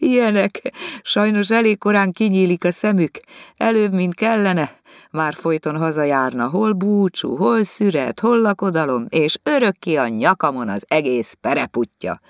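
A man voicing a gossipy middle-aged lady in an audiobook, shrill and excited. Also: dry recording, clean studio sound. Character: gossipy middle-aged lady complaining about her maid.

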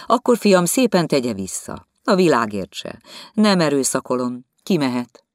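A man voicing a proud, bossy middle-aged lady in an audiobook, speaking high and emphatically. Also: very animated, dry recording, studio quality. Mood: firm.

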